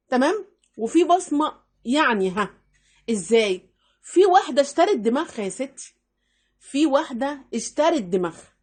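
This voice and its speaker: A woman with an Egyptian Arabic accent hosting her own channel, giving casual advice straight to her viewers in a chatty, repetitive way that keeps checking the listener is with her. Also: on the high side. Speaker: YouTube channel host.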